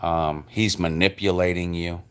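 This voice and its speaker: A man who sounds drunk, slurring his words in a halting, repetitive, rambling personal rant. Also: sits low, steady tone, smooth. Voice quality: slurred speech. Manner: halting, repetitive, drawn-out delivery.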